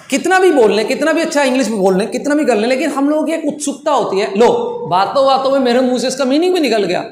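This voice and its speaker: A man with an Indian English accent giving a friendly online English lesson, repeating and spelling words out for his learners. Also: very high voice. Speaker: English teacher. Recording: echoey room with long reverb.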